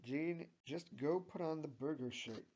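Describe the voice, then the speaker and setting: A man's voice: a little high, a little slow, dark tone, husky, muffled recording, pitched above the performer's own voice. A man voicing a weary, exasperated middle-aged father.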